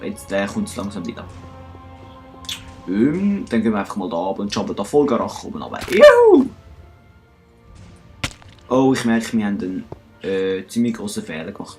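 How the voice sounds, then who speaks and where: Chatty Swiss German gamer, low voice. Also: male voice, darkish tone. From Switzerland. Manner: chatty, self-mocking, talks to himself and viewers. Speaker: let's play host. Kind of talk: casual gameplay commentary.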